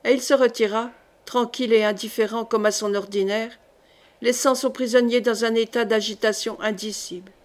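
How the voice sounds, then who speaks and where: A woman reads a historical novel aloud at a measured, even pace. Her voice sits fairly high, and her diction stays clear and literary. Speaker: audiobook reader.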